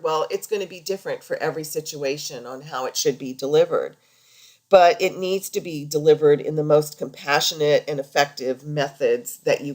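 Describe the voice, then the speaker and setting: A woman's voice: sits low, darkish tone. A woman lecturing over slides in an informal, conversational and explanatory way, as a healthcare practitioner teaching.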